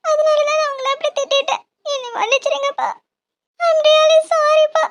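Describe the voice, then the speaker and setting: A woman's voice: very high voice, flat delivery, normal speed. A woman voicing a young female college student in a cartoon, emotional and apologetic. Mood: remorseful. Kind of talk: cartoon dialogue.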